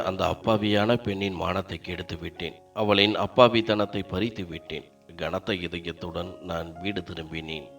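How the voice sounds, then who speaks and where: A man reading a first-person story aloud as scripted narration, in a slow, somber confessional manner. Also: fairly low pitch, gravelly, a bit bright. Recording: dull lo-fi audio with faint music.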